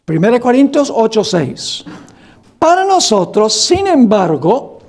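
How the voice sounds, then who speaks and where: A man's voice: very high-pitched, very animated, darkish tone. A man preaching a Bible study, reading scripture aloud with emphasis and quizzing his congregation with questions. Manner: slow and deliberate, quizzing the congregation. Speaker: pastor.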